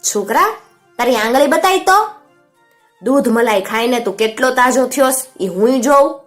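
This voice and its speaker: A woman voicing a cruel, greedy, half-blind old witch woman who barks orders and scolds in a shrill voice. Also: animated, moderate pace, soft background music. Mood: bossy.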